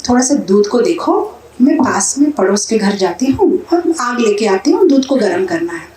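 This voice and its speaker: A woman's voice: medium pitch, big pitch swings, moderate pace, dark tone, a little hiss or hum, lightly acted. A woman voicing a fussy village mother who scolds and bosses her little daughter, in a roomy hall. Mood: scolding. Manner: scolding, bossy. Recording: roomy hall sound from a distance.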